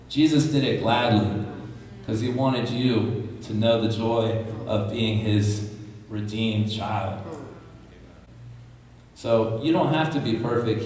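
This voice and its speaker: A man's voice: lowish voice, darkish tone. A male pastor preaching a sermon in earnest, plain-spoken, punchy short sentences. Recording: echoey hall from far off.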